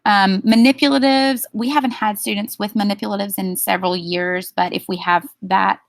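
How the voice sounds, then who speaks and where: Woman presenter for a staff training, mid pitch, slightly gravelly, steady and explanatory, dry sound. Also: normal speed, no room sound. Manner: explanatory, steady, with frequent ums.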